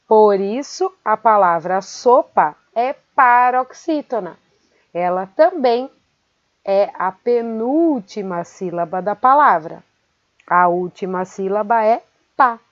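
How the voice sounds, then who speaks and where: A woman teaching a grammar lesson, speaking slowly and carefully and repeating words syllable by syllable. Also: on the high side, no echo. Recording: dry, dull lo-fi sound.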